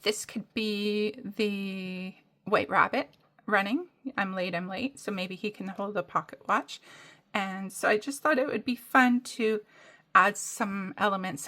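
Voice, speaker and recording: A woman's voice: medium pitch, steady tone, unhurried, sharp tone. Chatty woman showing her coloring books. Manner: chatty, rambling, many fillers and restarts. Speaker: coloring hobby vlogger. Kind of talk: casual show-and-tell chat.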